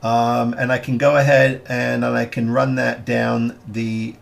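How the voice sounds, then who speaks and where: A man of middle pitch walks through a hobby model build at an unhurried, slow pace. He talks half to himself, trailing off and restarting as his hands stay busy. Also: little pitch movement, creaky. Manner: unhurried, halting, thinking aloud with many fillers.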